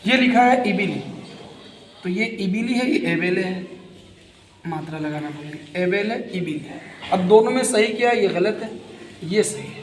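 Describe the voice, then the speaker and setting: A fairly high-voiced man with an Indian Hindustani accent gives a slow, repetitive reading lesson. He spells out each letter and vowel mark patiently. The room is echoey, with a long reverb tail. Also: animated, slight background noise. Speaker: Quran reading teacher.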